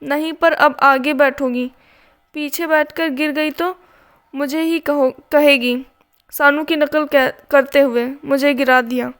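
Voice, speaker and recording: A woman's voice: high-pitched, fairly even intonation, slow, a bit bright, heavily acted. A woman reading as Veer, a bossy young cop. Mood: bickering. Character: bossy teasing young male police officer. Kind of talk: storybook reading.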